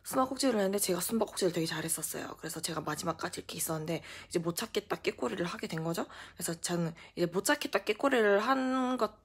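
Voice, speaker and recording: A young adult woman vlogger telling a story in a casual storytime style, animated and full of fillers. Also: lowish voice, fast talker, few pauses, husky.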